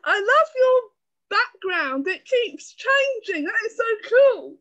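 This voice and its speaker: A woman's voice: extremely high pitch, sing-song, slow pace, fairly bright tone, dull audio. A woman hosting a casual video call, calling on people one by one, chatty and laughing often. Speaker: meeting host calling on participants.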